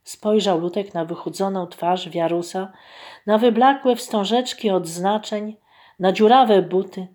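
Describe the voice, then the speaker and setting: A woman telling a fairy tale to children in an expressive storytelling voice. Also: medium pitch. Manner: expressive, unhurried, addressing children.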